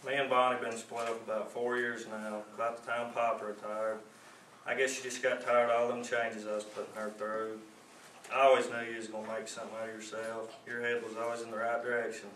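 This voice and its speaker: A man acting as an easygoing grown son in a school play, with a relaxed delivery. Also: medium pitch, fairly quick, roomy sound, far from the mic, a little hiss or hum, natural voice, poor audio. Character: grown son Lyons, easygoing and smooth-talking.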